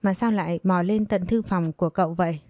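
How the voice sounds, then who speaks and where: A woman's voice: lowish voice, fairly even intonation, brisk, warm tone, no room sound, close to an everyday voice. Cunning, mocking maid, read by a woman storyteller; dry close sound. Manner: teasing, mocking. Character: cunning young maid, mocking, sharp-tongued.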